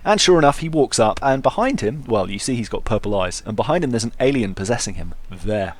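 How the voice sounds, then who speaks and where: A man's voice: mid-range voice, lively intonation, fairly quick. A hungover man giving casual video game commentary, informal and stumbling over his words as he corrects himself. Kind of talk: casual let's-play commentary.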